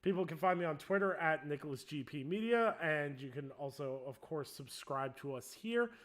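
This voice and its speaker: A man co-hosting a gaming podcast in casual chat, playful and quick to laugh. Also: on the high side, lively intonation, a bit bright. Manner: laughs often, loose and playful. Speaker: podcast co-host.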